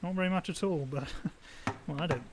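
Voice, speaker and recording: In a naturalistic audio drama, an actor plays a poor, lovesick young man full of self-pity, speaking in a slightly high voice with light acting. He is talkative but halting, plaintive, aggrieved and earnest, and the recording is noisy.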